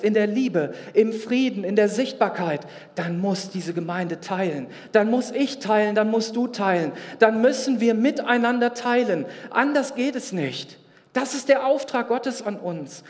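A man's voice: high voice, long reverb tail. A man preaching a sermon, earnestly addressing the congregation directly and reading scripture aloud in a church. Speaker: pastor.

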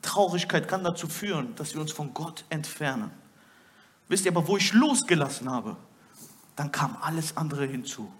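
A male pastor with a notably high voice delivers a sermon from the stage. He pushes hard on key lines, then drops to soft, close asides. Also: lively intonation, normal speed. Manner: emphatic, swings between loud urging and quiet intimate asides. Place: church stage.

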